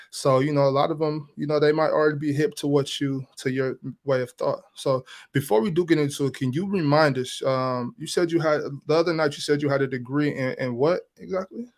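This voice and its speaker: A man's voice: on the high side, fairly quick, darkish tone. Male host, casual interviewer, hesitant and rambling delivery. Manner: hesitant, lots of ums and restarts. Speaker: podcast host.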